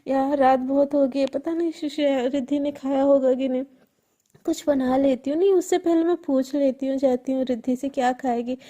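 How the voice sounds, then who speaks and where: A woman's voice: high voice, steady tone, normal speed, dark tone, natural voice. A woman voicing a jealous hot-tempered young woman. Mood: muttering to herself. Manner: snappy, indignant outbursts.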